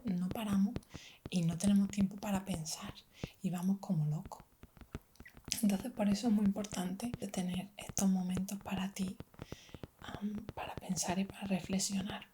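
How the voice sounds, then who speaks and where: A woman from giving a whispered ASMR pep talk in a breathy, gentle, reassuring way, like a friend talking to you. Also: medium pitch, slight background noise. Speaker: ASMR video creator.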